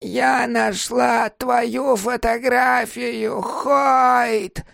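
A male audiobook reader voicing a confused, furious old woman over seventy with a raspy, cracking voice and slow, drawn-out wails. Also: extremely high pitch, fairly even intonation, dry recording, studio quality, voice pushed up, full character voice. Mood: furious wailing. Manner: slow, drawn-out wailing and shouting.

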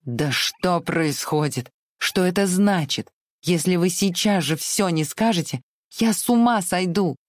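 A reader voicing a panicked young Southern belle in an audiobook, pleading and shrill. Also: a little slow, dry recording, studio quality, close to an everyday voice. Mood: frantic. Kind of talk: audiobook reading.

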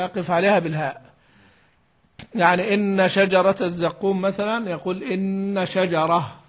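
High-voiced man explaining recitation rules. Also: fairly bright tone. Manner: explains patiently, repeats key words, asks and answers himself. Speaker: sheikh teaching Quran recitation. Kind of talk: classical Arabic lesson commentary.

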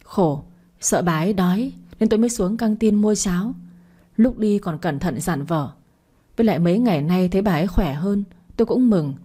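Give me a woman playing a flustered older husband, pleading, in a mellow breathy voice. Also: high voice, normal speed. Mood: defensive. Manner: pleading, excuse-making.

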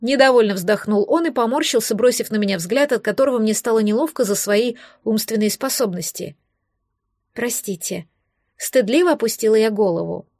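A woman reads a first-person romance audiobook, her voice a touch higher than most women's. She tells it wryly, poking fun at herself. The recording is close and dry, with no room sound. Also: brisk, few pauses, a little mellow, no room sound. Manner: wry, self-mocking storytelling. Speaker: narrator.

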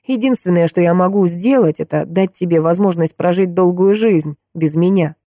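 A woman voicing a tormented young male vampire, speaking slowly and wearily. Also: mellow, no echo, clean studio sound, natural voice. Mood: confessing. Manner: low, slow and weary.

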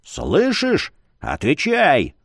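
A man voicing the ghost of a brash young man who taunts his friend in a higher, slowed voice. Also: wildly swooping pitch, vocal fry, no echo, clean studio sound, full character voice. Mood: yelling. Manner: taunting, drawn-out, higher than the narration.

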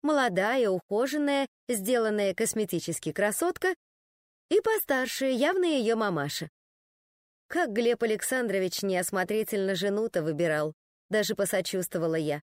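A woman's voice: mid-range voice, lively intonation, normal speed, dry recording, studio quality. A woman narrating an audiobook in the first person, with an ironic, sardonic manner.

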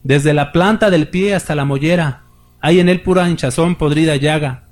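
Male pastor, fairly high voice, emphatic sermon delivery with scripture readings. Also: normal speed. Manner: emphatic preaching, rising for scripture, addresses congregation as brothers.

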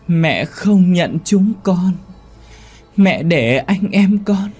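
A man's voice: sits high, animated, a little mellow, slightly rough, soft background music, voice pushed up, full character voice. A man doing a wailing ghost child. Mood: plaintive wailing. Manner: slow, plaintive, wailing. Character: ghost of an abandoned small child, pleading.

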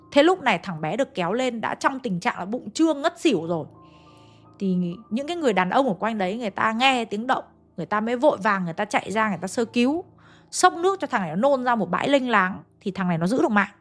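A woman narrating a ghost story, chatting directly to her listeners. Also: medium pitch.

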